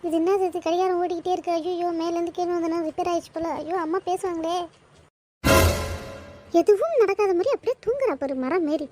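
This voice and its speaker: Woman playing a mischievous cartoon girl, high-pitched, taunting, sing-song, bossy. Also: fairly quick, dark tone, faint music behind. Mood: worried. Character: mischievous teasing young girl, bossy sister. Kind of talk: cartoon voice acting.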